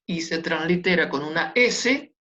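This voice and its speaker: A teacher explains things slowly and patiently, going over each point again and checking that the class is following. The recording is dull and lo-fi, with the top end muffled. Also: medium pitch, animated, fairly bright tone. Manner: patient, repetitive, checks understanding with tag questions. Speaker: Hebrew teacher. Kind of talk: online class lesson.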